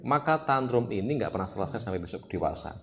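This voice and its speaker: A man, giving an evening Islamic study talk in a lively, storytelling way. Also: on the low side, fast, background noise. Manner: animated, acts out scenes with sudden loud outbursts. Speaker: Islamic preacher.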